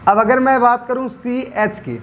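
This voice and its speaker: A man teaches English grammar in a high-pitched voice. He spells endings out letter by letter and slows down on them. He keeps asking the class questions and answering them himself. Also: steady tone, fairly bright tone, a little hiss or hum. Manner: spells out letters slowly, stresses pronunciation. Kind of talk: classroom lecture.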